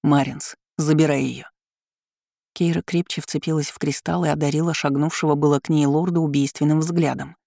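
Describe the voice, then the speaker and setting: An audiobook narrator reads a fantasy story in an even, measured way. The voice is mellow and relaxed, and the recording is dry and close. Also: mid-range voice, creaky, no echo.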